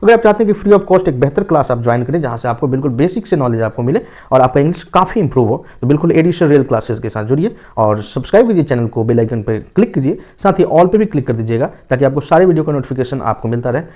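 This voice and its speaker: Fast-talking Hindi-medium grammar teacher. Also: male voice, mid-range voice, lively intonation, darkish tone. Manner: explains step by step, repeats key terms, asks and answers own questions; fills with "thik hai na" tags. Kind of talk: online Hindi-medium lesson.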